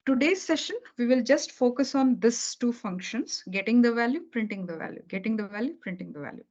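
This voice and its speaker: Speaking a little fast in a fairly high, slightly mellow voice with lively intonation, a woman runs a beginner programming lesson over a video call. She patiently repeats key points and checks understanding with "okay" and "right" after almost every sentence. The call audio is dull and lo-fi.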